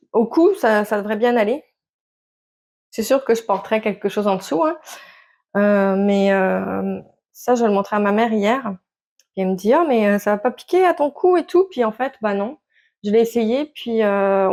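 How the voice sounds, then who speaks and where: A woman's voice: mid-range voice, a little mellow. A woman chatting casually to camera about her knitting, hesitant with many fillers and restarts. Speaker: knitting vlogger. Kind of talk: casual show-and-tell chat to camera.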